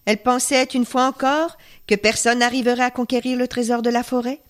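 A woman storyteller reading a folk tale aloud, expressive and dropping to a hush at tense moments. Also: on the high side, a little fast.

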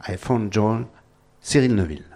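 A man hosting a radio music show, introducing tracks with frequent pauses and fillers. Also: lowish voice, background noise. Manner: hesitant, many fillers and restarts. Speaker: radio host.

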